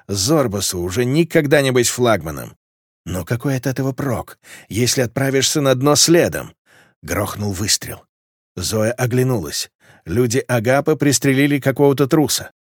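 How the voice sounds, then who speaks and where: Brief: male narrator, lively animated delivery, dry close recording. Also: medium pitch, normal speed, no room sound. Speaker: audiobook narrator. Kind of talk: scripted narration.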